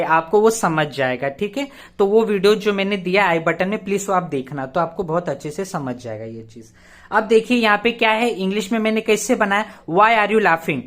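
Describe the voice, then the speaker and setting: A man's voice: high-pitched, fairly bright tone. A man teaching English grammar in a casual, explanatory way, often checking whether the viewer follows and asking rhetorical questions. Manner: spells English words out letter by letter. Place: teaching at a board he writes on.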